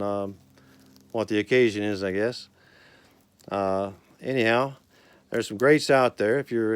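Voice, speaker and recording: Smooth, low-voiced cowboy storyteller man. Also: no echo. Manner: folksy, unhurried storyteller. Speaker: cowboy poet and author. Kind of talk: cowboy poetry recital and casual folksy talk.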